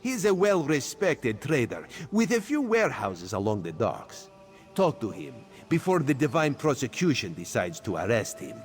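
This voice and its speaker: This video game dialogue features a male actor as a cat-man spy, a playful, sly quest giver who calls himself by name in the third person, with faint music behind him. He speaks at a normal speed in a medium pitch with big swings, sounding close to an everyday voice.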